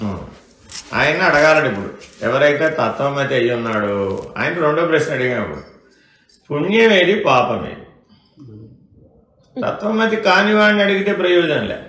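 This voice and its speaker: A man's voice: a little high, lively intonation, moderate pace, pauses often, a bit bright. A man giving a question-and-answer spiritual discourse as a teacher, keeping his listeners engaged with rhetorical questions. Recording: echoey room.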